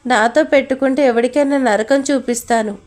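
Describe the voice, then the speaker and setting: A woman reads a spiteful middle-aged villainess from a spoken storybook, her high voice sneering and harsh as she taunts. The scorn is cold and cutting, and the reading stays in the narrator's own natural tone. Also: fairly quick, a little mellow, lightly acted. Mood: vengeful. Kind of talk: audio story role-reading.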